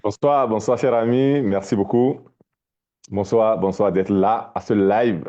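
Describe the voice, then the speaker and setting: Male life coach from Togo, deep voice, stumbles and repeats words, on a muffled video call. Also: steady tone, dark tone. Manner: halting, repeats words often. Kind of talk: motivational talk on a live stream.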